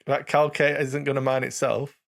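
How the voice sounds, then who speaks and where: A man co-hosting a relaxed hobby podcast, his voice carrying a gravelly edge at a middling pitch. He talks in a dry, deadpan way and stops and starts around fillers. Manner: dry, sarcastic, halting with fillers. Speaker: podcast co-host. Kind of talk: casual hobby podcast chat.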